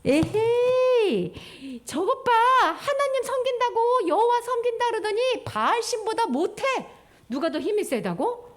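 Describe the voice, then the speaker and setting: A woman in a children's sermon voicing mocking foreign neighbors who jeer with drawn-out taunts. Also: high-pitched, huge pitch swings, warm tone.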